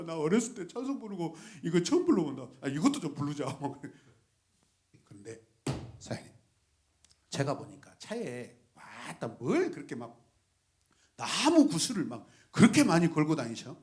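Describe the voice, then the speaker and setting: A male pastor preaching an animated sermon, shifting between soft asides, laughter and sudden shouts as he calls out to the congregation. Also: fairly high pitch, a little slow. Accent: Gwangju.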